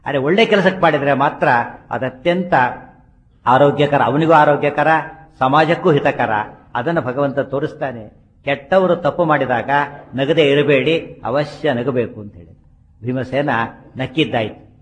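Man giving a scripture discourse. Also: fairly high pitch. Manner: explanatory, chants Sanskrit verses slowly, rhetorical questions. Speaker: religious speaker. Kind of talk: Kannada religious discourse on scripture.

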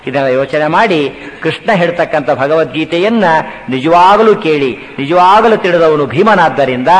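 Man giving a storytelling religious discourse. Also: a little high. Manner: storytelling with chanted Sanskrit verses and humor. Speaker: religious speaker. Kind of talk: Kannada discourse on scripture. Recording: hall with long reverb.

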